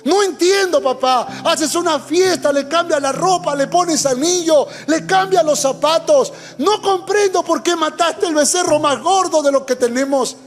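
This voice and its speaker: A man's voice: very high-pitched, normal speed, hardly any pauses, pitched above the performer's own voice. A man voicing a resentful older brother, complaining in an indignant, pleading way. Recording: long hall reverb with faint music.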